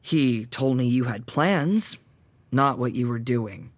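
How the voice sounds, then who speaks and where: Nervous young vampire guy, voiced by a performer, earnest, worries fast, audio drama. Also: medium pitch, expressive. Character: young male vampire fledgling, anxious and guilt-ridden.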